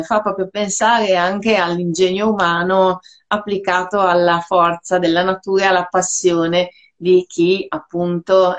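A woman sommelier hosting a live-stream interview, asking questions and responding appreciatively. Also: lowish voice.

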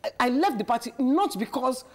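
A middle-aged woman speaks as a guest on a TV panel, her pitch rising and falling a lot. She tells stories emphatically and laughs often, in a casual studio talk. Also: lively intonation, a little fast. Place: TV studio set.

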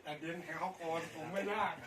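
Higher-voiced man, echoey radio exchange. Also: steady tone, quick pace, a crowd in the background. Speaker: amateur radio operator. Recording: echoey, distant mic, faint noise.

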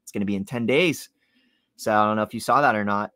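A man's voice: fairly low pitch, quick pace, pushed and bright, dry recording. A young man in his twenties co-hosting a sports podcast, rambling easygoing chat full of "like" and "you know". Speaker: podcast co-host.

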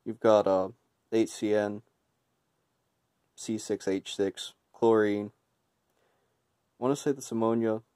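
Dark, mellow, low-voiced man reviewing casually. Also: fairly even intonation, slow, long pauses, clear, resonant tone. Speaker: product reviewer. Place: indoor room with tiled floor.

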